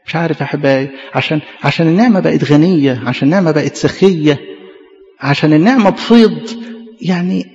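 A man with an Egyptian Arabic accent, a priest preaching a lively sermon full of rhetorical questions. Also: a little high, fast talker, in a large hall, lo-fi sound.

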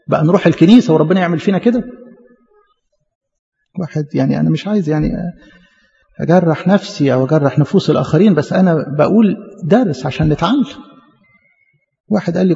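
A man's voice: on the high side, gravelly, warm tone. A male priest with an Egyptian Arabic accent preaching a sermon, passionately acting out biblical dialogue with his voice rising. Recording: dull audio with long church reverb.

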